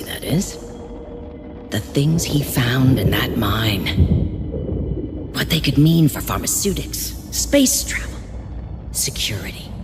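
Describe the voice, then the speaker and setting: A woman playing a cold, smug corporate villainess in a video game, condescending and theatrical. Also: low voice. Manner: condescending, theatrical, drawn-out delivery. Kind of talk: dramatic video game acting. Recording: long hall reverb, music behind.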